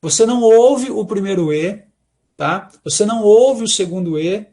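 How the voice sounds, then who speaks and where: A Brazilian man with a high voice and a gravelly edge gives an academic talk. He explains step by step in a Brazilian Portuguese accent and often checks in with his listeners at the end of a point. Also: expressive, moderate pace, dark tone. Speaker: lecturer.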